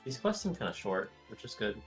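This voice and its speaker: A man's voice: on the low side, very animated, brisk. A man chatting casually during a game stream, making dry, teasing remarks. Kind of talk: casual gaming chat. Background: game music.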